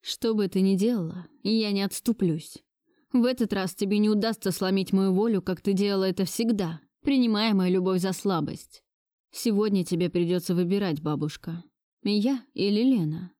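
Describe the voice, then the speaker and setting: A woman's voice: mid-range voice, normal speed, warm tone, no room sound, studio quality, natural voice. A woman voicing a defiant young man who bitterly stands up to his grandmother. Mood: resolute. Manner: bitter, resolute outbursts. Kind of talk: audiobook dialogue reading.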